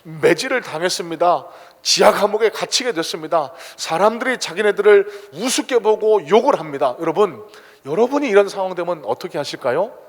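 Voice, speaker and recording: Animated male pastor preaching in reverberant church. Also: sits high, a little fast. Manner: dramatic, swings between loud exhortation and hushed tones. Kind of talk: sermon. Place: church sanctuary. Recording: long church hall reverb.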